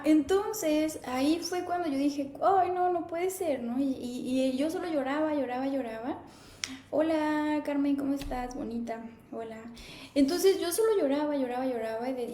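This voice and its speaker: A woman in her thirties hosting a live stream, chatting casually and reading viewer comments aloud in a warm, conversational way. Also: high-pitched, a little hiss or hum. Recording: echoey room.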